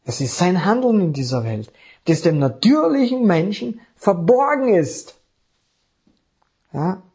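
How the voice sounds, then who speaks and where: Male preacher, husky voice with high pitch, emphatic and engaging. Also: sing-song, a little slow, darkish tone. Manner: emphatic, keeps checking in with the audience. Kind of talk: sermon.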